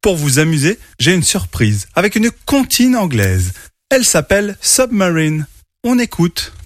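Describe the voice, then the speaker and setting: A man hosting a children's show, teaching English words slowly and telling a storybook tale. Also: high-pitched, sing-song. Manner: slow, clear, spells out words for kids.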